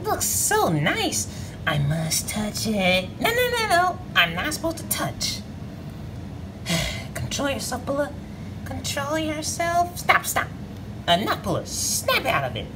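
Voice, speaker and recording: A woman's voice: medium pitch, huge pitch swings, slow, long pauses, noisy background. A woman voicing a feisty young girl guard. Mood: playful. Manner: bouncy, shrieks when angry. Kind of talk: amateur toy-movie voice acting.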